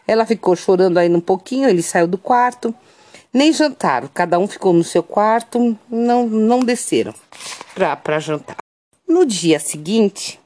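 A woman with a Brazilian Portuguese accent tells a family story casually and without hurry. She keeps checking in with her listener through tag questions, and her voice sits at a middle pitch. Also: a little mellow. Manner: unhurried, keeps adding "né?" tags.

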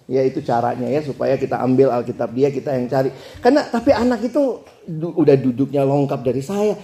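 A man's voice: mid-range voice, a little fast, mellow. A man preaching a humorous youth sermon, chatty, joking and acting out quoted voices. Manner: jokey, acts out quoted voices, chatty asides. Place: church hall with audience.

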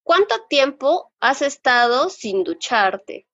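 A woman's voice: high-pitched, big pitch swings, slow pace, fairly bright tone. A woman co-hosting a podcast, asking teasing questions in casual chat. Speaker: podcast co-host. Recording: dull lo-fi recording.

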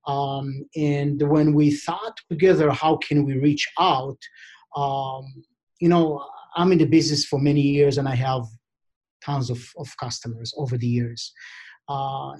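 A middle-aged man with an Israeli accent, a guest on a podcast, talking in a casual, halting way with many fillers. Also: on the high side, a little mellow. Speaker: guest, diamond equipment vendor.

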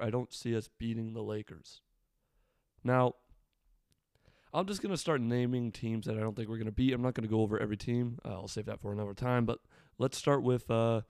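A man's voice: medium pitch, darkish tone, clean tone, no room sound, studio quality. A man with a slightly worn, weathered voice giving casual solo sports commentary, informal and thinking aloud in short bursts as a fan.

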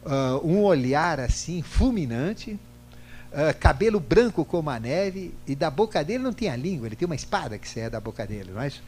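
An older man teaching a spiritual class, animated, asking rhetorical questions and acting out both sides of a past argument. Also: on the high side, brisk. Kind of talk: lecture to a class. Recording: faint hum, digitized from CD.

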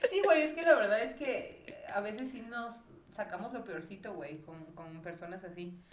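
A woman's voice: mid-range voice, distant mic, a little hiss or hum. Playful Mexican woman, echoey room. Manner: playful, slangy, quick teasing remarks. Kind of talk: casual chat.

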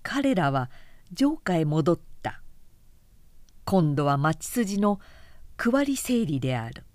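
A woman narrating a period novel as an audiobook in a calm, measured way. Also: deep voice, dry recording.

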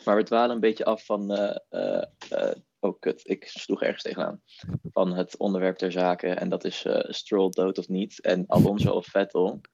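Very deep, gravelly podcast co-host, teasing, dry and dull amateur sound. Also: male voice, expressive, moderate pace, darkish tone, no room sound. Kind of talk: casual chat.

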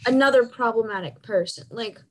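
A young woman chatting casually about hockey with friends, animated and full of fillers. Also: fairly high pitch, brisk.

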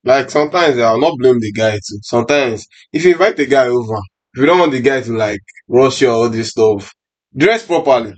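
Young man, medium-pitched casual talker. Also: expressive, a little fast. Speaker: podcast panelist. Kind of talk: casual chat.

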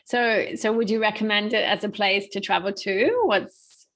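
A woman's voice: medium pitch, fairly even intonation, moderate pace, a bit bright. A woman co-hosting a podcast, chatting casually and asking questions in a friendly way, laughing often. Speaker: podcast co-host. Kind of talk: casual interview chat.

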